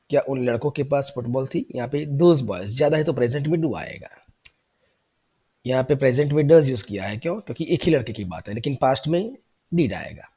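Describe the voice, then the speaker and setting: A man teaching an English grammar lesson, explaining patiently and repeating example sentences slowly. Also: mid-range voice, darkish tone, breathy edge. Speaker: English tutor.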